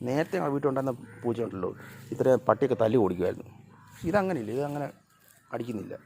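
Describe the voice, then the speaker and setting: A man talking casually to his cats and dogs outdoors by a road, coaxing them and sometimes shouting at them to move. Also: medium pitch, animated, rapid-fire, a little hiss or hum. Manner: coaxing and scolding the animals, shouting now and then. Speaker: vlogger. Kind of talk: casual chat with his pets.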